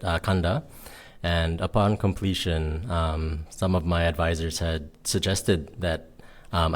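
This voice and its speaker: A man from Miami, a teacher, answering interview questions in a relaxed way, often pausing on um. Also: low-pitched. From Miami, Florida. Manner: relaxed, hesitant with ums. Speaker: guest, English teacher.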